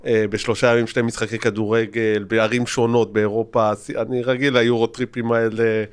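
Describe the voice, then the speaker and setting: A man's voice: medium pitch, level tone, clean tone. A middle-aged man who is a guest on a fan podcast, adding dry, matter-of-fact remarks in casual chat.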